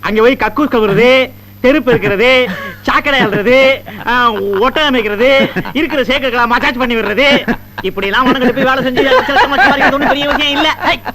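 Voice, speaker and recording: An actor playing a cheeky marriage broker who teases and scolds. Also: male voice, very high voice, quick pace, crowd noise. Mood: teasing. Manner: teasing, scolding.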